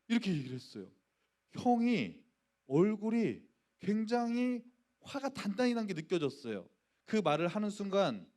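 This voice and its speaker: A man's voice: on the high side, darkish tone. A middle-aged man, a pastor, giving a youth sermon in a church and telling a story while acting out the voices in it. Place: church sanctuary.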